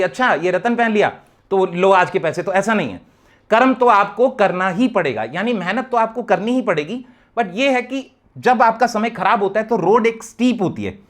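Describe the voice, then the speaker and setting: A man with a notably high voice gives an earnest explanatory talk as an astrologer. He speaks to his viewers as friends and keeps mixing English terms into his points. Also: fairly bright tone.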